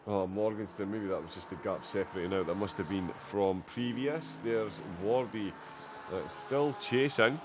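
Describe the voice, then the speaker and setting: A man's voice: on the low side, moderate pace, noisy background. A man commentating a sim racing endurance stream, chatty and filled with "uh" hesitations as he reacts to the racing. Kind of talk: live race commentary.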